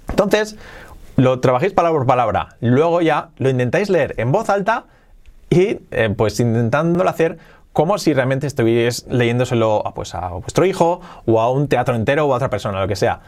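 Male podcast English teacher, mid-range voice, explanatory classroom delivery with slow drilled examples. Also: mid-range voice, expressive, darkish tone. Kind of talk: Spanish-language English lesson.

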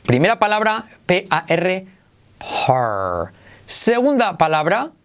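Man teaching, drilling words slowly. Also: on the high side, animated. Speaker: English pronunciation teacher. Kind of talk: video lesson.

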